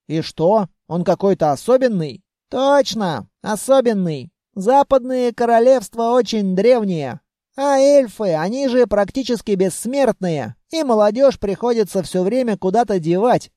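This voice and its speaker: A reader voicing a crafty, stubborn, plump male trickster who haggles and grumbles loudly, in an audiobook. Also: mid-range voice, lively intonation, measured pace, dry recording, clean studio sound, pitched above the performer's own voice, lightly acted. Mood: sly. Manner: loud haggling, grumbling and scheming. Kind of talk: audiobook reading.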